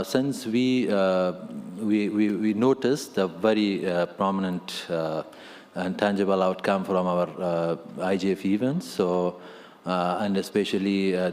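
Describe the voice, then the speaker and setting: A man from Afghanistan asking a question from the floor of a large conference hall, halting with many fillers and restarts. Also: low voice, a little mellow. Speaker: audience member asking a question. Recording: long hall reverb.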